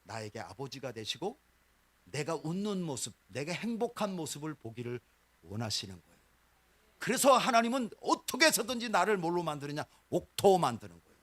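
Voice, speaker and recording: A man preaching a midweek sermon with a lively pitch that climbs into loud, high bursts and then sinks to near-quiet low endings. His voice sits a little high for a man. He slips into quoted voices of believers and of God as he preaches. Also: brisk. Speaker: pastor. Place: church.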